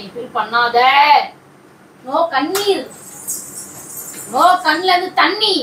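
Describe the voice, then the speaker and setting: A woman's voice: high-pitched, pushed and bright. Teasing woman pulling a prank. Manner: teasing and coaxing, playfully defensive. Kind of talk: casual bickering prank. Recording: roomy and distant with faint noise.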